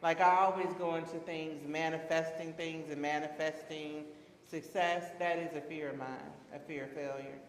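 A woman guest answering interview questions casually and candidly, often pausing with "um" and laughing. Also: low-pitched, steady tone. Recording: echoey room.

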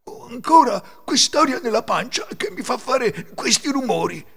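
A man's voice: extremely high pitch, big pitch swings, normal speed, creaky, fairly bright tone, husky, long reverb tail, voice pushed up, heavily acted. A man voicing a hungry, bewildered male wolf in a storytelling reading. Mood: puzzled. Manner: raised, bewildered grumbling.

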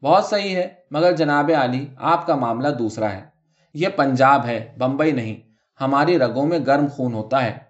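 A hot-tempered tonga driver, a grown man seething with jealousy, as a storyteller puts him on. He talks in a heated, indignant way, a touch lower than the reader's own voice. The audiobook recording sounds dull and lo-fi. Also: natural voice.

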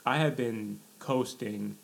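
A young man hosting a casual podcast chat, telling stories in a relaxed way with frequent laughs. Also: medium pitch, slow pace, vocal fry. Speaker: podcast host.

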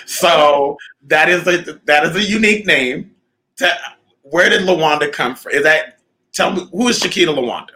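A Canadian-born man hosts a talk show, chatting in a reflective, casual way and leaning on frequent fillers. His voice is a little high and sharp, at a normal speed, captured on a low-quality recording.

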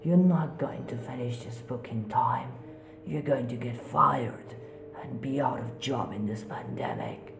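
A man voicing taunting voices inside someone's head, mocking and slow, trailing into a whisper. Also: mid-range voice, creaky, over music. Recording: roomy echo.

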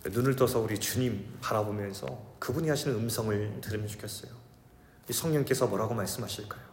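A man in his thirties preaching a sermon as pastor, shifting between urgent raised delivery and soft, hushed storytelling. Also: fairly low pitch, a little fast, slight background noise. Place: church sanctuary. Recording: echoey hall with long reverb.

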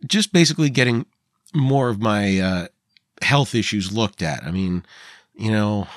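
A man's voice: lowish voice, animated, unhurried, no echo. Forties male podcast host, loose rambling chat, dry close sound. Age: 40s. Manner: rambling, informal, swears casually, many fillers.

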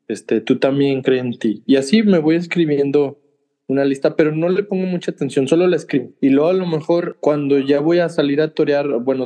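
A man with a Mexican Spanish accent, a bullfighter guest on a casual podcast, telling stories in an animated, emphatic way with frank slang. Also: medium pitch.

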